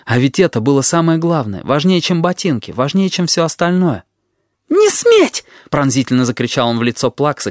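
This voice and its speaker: A man narrating an audiobook in an expressive reading voice, acting out the dialogue. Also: mid-range voice, no room sound, studio quality.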